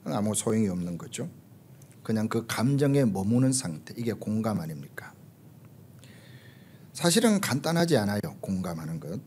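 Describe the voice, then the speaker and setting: A middle-aged man, a pastor, preaching a sermon and telling stories full of acted quotes, pausing often on "uh". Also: lowish voice, very animated, darkish tone, slightly rough. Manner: storytelling with acted quotes, frequent "uh" fillers.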